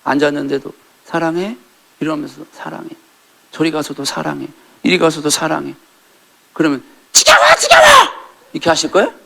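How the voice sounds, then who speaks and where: A middle-aged male pastor preaching a sermon in a church, acting out quoted lines and rising to loud peaks. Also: a little high, steady tone, brisk, vocal fry. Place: church sanctuary.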